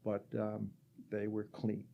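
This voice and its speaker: A man's voice: lowish voice, monotone, slow, gravelly, lo-fi sound. A man in his sixties from the Rochester area of New York, telling his life story as a guest in a casual, rambling way with many fillers. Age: 60s. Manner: chatty, rambling, frequent fillers and restarts.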